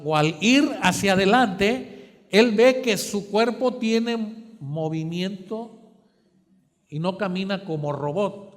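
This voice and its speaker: A man preaching a sermon, asking the congregation to finish his sentences, moving between quiet and emphatic. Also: sits high. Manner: asks the congregation questions for them to fill in. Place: church hall. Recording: long church hall reverb.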